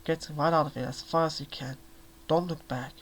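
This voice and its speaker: A man voicing a desperate, worn-out young mother who talks in a raw, pleading way, in a soft-spoken ASMR reading. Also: fairly high pitch, steady tone, moderate pace, slight background noise. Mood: tearful.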